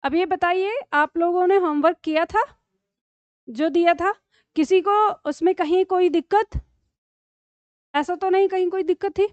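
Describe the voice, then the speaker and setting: A female Hindi teacher gives a grammar lesson in class, explaining patiently and checking often with questions like "theek hai?" to be sure her students follow. Her voice is very high yet darkish in tone, unhurried and full of pauses. The audio is dull, lo-fi and dry, with no echo.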